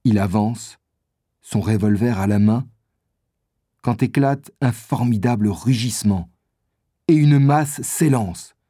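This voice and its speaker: Slow, mellow-voiced male storyteller. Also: fairly low pitch, breathy edge, dry recording, clean studio sound. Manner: measured, storytelling. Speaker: narrator. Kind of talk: scripted children's story narration.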